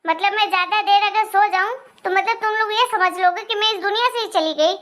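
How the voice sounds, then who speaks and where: An old cartoon mother-in-law, bossy and exasperated, as a woman voices her. She scolds in a very high, thin voice. Her complaints come in a steady grumbling flow. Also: fairly quick. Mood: scolding. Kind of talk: cartoon voice acting.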